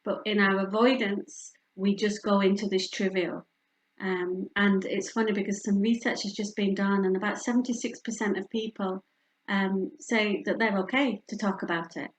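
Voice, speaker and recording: Speaking to a community group with slides on behalf of a hospice charity, a middle-aged Yorkshire woman from northern England shares her story in a candid, personal way, full of fillers and restarts. Her mid-range voice holds a steady tone at normal speed over poor audio.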